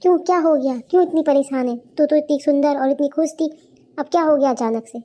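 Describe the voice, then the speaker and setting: A woman voicing a brisk cartoon friend. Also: sits high, warm tone, close to an everyday voice. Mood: advising. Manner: brisk, indignant advice-giving. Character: young woman friend on phone, supportive. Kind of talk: cartoon voice acting.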